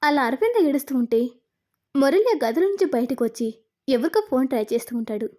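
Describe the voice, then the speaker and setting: A woman retelling a TV serial episode as a storyteller, in a steady recounting manner. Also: sits high, fast talker.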